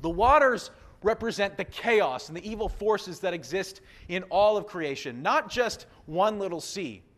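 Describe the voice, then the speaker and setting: A man's voice: high voice, lively intonation, unhurried, fairly bright tone. A man preaching a sermon as pastor, earnest, repeating key phrases for emphasis.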